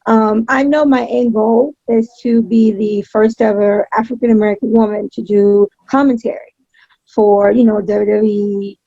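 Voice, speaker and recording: A woman chatting casually as an interview guest, speaking emphatically and repeating phrases for stress, with a gravelly, husky voice on dull, lo-fi audio. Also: medium pitch, steady tone, moderate pace, dark tone, dry recording. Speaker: interview guest, pro wrestling announcer.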